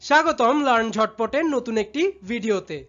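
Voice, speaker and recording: Female teacher, higher voice, measured explanatory narration, dull lo-fi recording. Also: lively intonation, fairly bright tone. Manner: measured, explanatory, addresses students directly. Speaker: English spelling teacher. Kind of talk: scripted instructional narration. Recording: dull lo-fi sound with faint music.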